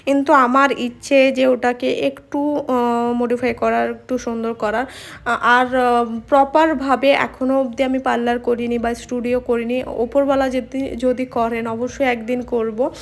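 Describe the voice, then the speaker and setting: A young woman, a makeup artist, chatting casually while doing her makeup, talking fast with many pauses and fillers. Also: on the high side, little pitch movement. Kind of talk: casual talk during a makeup tutorial. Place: home room with an open window. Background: street noise through the window.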